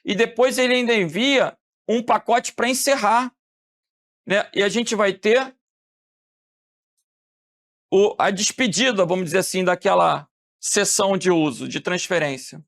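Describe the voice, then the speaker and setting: A man from Rio de teaching a lively classroom lecture, asking the students questions and answering them himself. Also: high voice, measured pace, vocal fry, pauses often. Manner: animated, asks questions and answers them, acts out phone calls.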